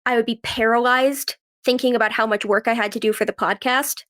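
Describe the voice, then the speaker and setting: Her voice fairly high and bright, a young woman who acts and writes chats as a podcast guest at a brisk, steady pace. She tells her story loosely, sprinkling in "like" and little quotes of what she said or thought.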